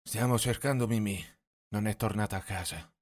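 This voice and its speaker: A man reading a storybook and voicing a kind grandfather who speaks in a calm, caring way. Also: fairly low pitch, moderate pace, lightly acted.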